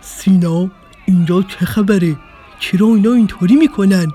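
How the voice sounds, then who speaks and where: A woman voicing a friendly, carefree giant dinosaur with loud, booming calls. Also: soft background music, a faint crowd, lightly acted. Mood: puzzled.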